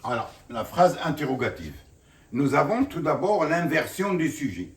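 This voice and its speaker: A man gives a classroom grammar lesson, speaking slowly in a fairly high, lively voice and filling his explanations with "bien sûr". He is recorded from some distance off the mic in a roomy space. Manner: slow, explanatory, repeats "bien sûr" often. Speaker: French teacher.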